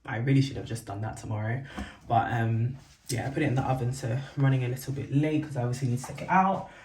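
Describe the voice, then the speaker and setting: A woman's voice: very deep voice, fast, a little mellow. A young woman chatting casually to the camera for her vlog, rambling and correcting herself with lots of fillers, recorded at home. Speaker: vlogger. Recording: roomy, distant, faint background noise.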